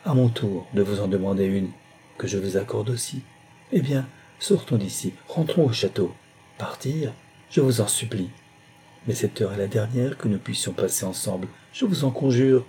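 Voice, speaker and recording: A man's voice: on the low side, moderate pace, mellow, slight background noise, close to an everyday voice. A man reading aloud, voicing a distraught young woman who pleads in a raised voice. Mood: distressed pleading.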